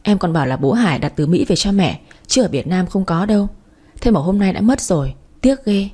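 A woman's voice: on the low side, animated, fairly quick, warm tone, slightly rough. A woman voicing a scheming young stepmother who speaks in a falsely sweet, wheedling way in a storybook reading. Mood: sly coaxing. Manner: fake pleading, wheedling.

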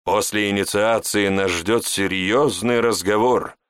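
A man voicing a calm, businesslike male mage who speaks politely and matter-of-factly. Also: on the low side, measured pace, smooth, no echo, studio quality.

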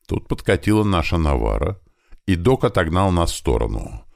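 A man narrating a first-person audiobook with steady storytelling. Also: low voice, normal speed, vocal fry, no room sound, clean studio sound. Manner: steady storytelling with lively shifts.

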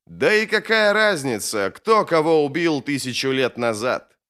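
A man's voice: a little high, expressive, a little slow, a bit bright, clear, resonant tone. A man reading an audiobook, voicing a ruthless, scornful old wizard with emphatic, raised delivery.

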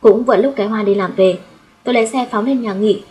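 A woman reading a first-person audiobook story in a steady, blunt way. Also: medium pitch, fast talker, rough recording. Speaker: audiobook narrator.

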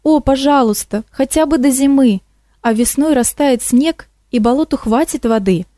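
A woman's voice: a little high, lively intonation, moderate pace, warm tone, dry recording, studio quality. A woman voicing a cheerful, eager female swamp kikimora who pleads and enthuses, in a storybook reading. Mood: pleading.

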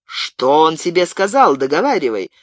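A man voicing a stern, proud townsman in an audiobook, speaking in a clipped, forceful way. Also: on the high side, expressive, measured pace, no echo. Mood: furious. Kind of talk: audiobook character voice.

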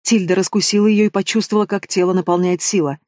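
A man narrating a fantasy audiobook with a steady, expressive reading. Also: high voice, fast talker, dry recording, studio quality. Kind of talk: scripted narration.

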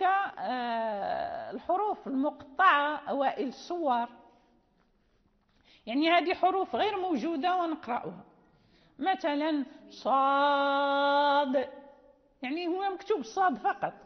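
A woman with a Moroccan Arabic accent gives a patient, explanatory classroom lecture on Quran recitation and often checks in with her students. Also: sits high. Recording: dull lo-fi sound with long hall reverb.

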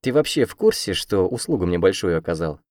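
A man voicing a feisty young woman student with a sharp, mocking tongue, in an audiobook. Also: low-pitched, very animated, brisk, no room sound, clean studio sound. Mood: defiant, mocking. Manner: mocking, combative.

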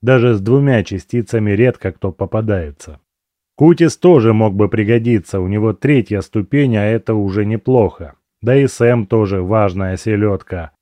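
Dark-voiced male audiobook narrator. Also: on the low side, moderate pace, dry recording. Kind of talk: first-person audiobook narration.

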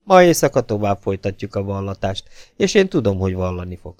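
A man's voice: on the low side, sing-song, darkish tone, no echo, studio quality. A man reading an audiobook voices a sinister middle-aged baron, speaking politely but curtly and firmly, sometimes ceremoniously. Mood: cold courteous.

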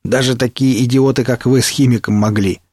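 A man voicing a menacing mercenary stalker with a slow, taunting drawl in an audiobook reading. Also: medium pitch, steady tone, a little mellow, dry recording, clean studio sound, lightly acted. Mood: scornful. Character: menacing male mercenary stalker, sneering and cruel.

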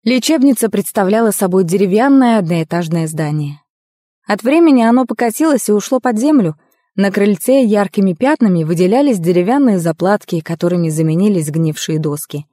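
A woman narrating first-person fiction as an audiobook reader, with a lively, expressive reading. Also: medium pitch, fairly quick, dry recording, studio quality.

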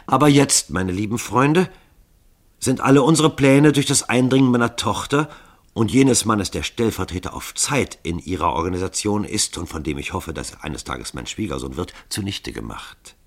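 A man doing a calm, courteous assassin chief. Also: on the low side, moderate pace. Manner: calm, polite, controlled.

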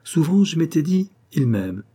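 Man voicing a young woman in love, joyful, teasing, impassioned, storybook reading, mellow voice. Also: a little high, very animated, moderate pace, husky, voice pushed up.

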